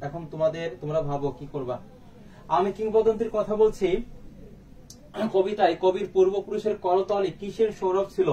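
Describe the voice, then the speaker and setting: A man's voice: high voice, normal speed, dark tone, highs cut off. A man teaching a live online exam-prep class, asking questions and then answering them himself. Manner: quizzing, rhetorical questions and answers. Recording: faint background noise, slightly distant mic.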